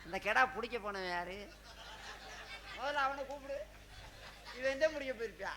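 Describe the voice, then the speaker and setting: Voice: mid-range voice, animated, normal speed. A stage comedian, firing back mocking, quibbling retorts in live comedy banter.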